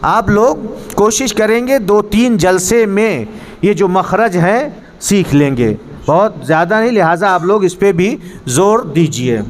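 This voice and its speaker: A man's voice: sits high, lively intonation. A man teaching a Quran pronunciation class, earnestly correcting his students and demonstrating the Arabic sounds. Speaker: religious teacher. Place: mosque hall.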